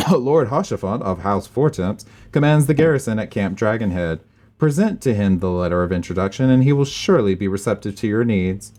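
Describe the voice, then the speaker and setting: An earnest, courteous young nobleman, read aloud by a man in a formal, dramatic game-dialogue tone. The voice sits fairly low and swings widely in pitch. Each line comes out measured and proper. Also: lively intonation, a little mellow, lightly acted.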